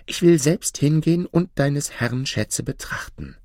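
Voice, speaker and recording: A man's voice: fairly high pitch, expressive, measured pace, darkish tone, dry recording, studio quality, pitched above the performer's own voice. A man reading a fairy tale aloud and voicing a proud young princess giving orders. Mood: eager.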